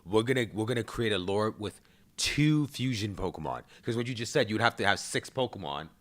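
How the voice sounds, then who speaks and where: A young man co-hosting a casual livestream chat, rambling and stumbling over his words with animated enthusiasm. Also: on the low side, brisk.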